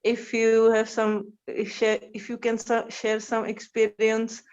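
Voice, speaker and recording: A woman from the Czech Republic with a Czech accent asks a question on a video call, speaking haltingly and searching for words. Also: on the high side, completely flat delivery, darkish tone. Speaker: caller asking a question. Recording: muffled video call audio.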